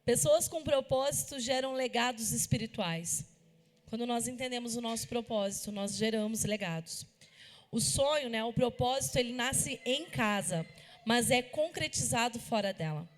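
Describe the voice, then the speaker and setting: A woman's voice: a little high, moderate pace. Woman preaching in a reverberant hall. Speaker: pastor. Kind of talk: sermon. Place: church hall.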